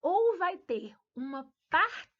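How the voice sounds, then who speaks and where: A woman from Brazil teaching English to parents in a homeschool lesson, patient and explanatory, repeating words slowly and checking understanding. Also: very high-pitched, big pitch swings, muffled recording.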